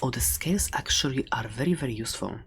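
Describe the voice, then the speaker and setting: Here the same kind of roleplay has a woman voicing a warm, talkative fantasy merchant, expressive and quick as she meanders playfully and hesitantly through her pitch over faint background noise. She comes across as informative and chatty.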